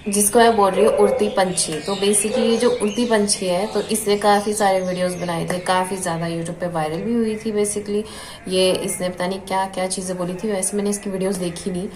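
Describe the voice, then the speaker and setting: A woman's voice: medium pitch, fairly even intonation, a little fast, a little mellow. A woman vlogger giving an earnest, indignant opinion, repeating the same filler word often. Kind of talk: opinionated commentary vlog. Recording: echoey room with clear background noise.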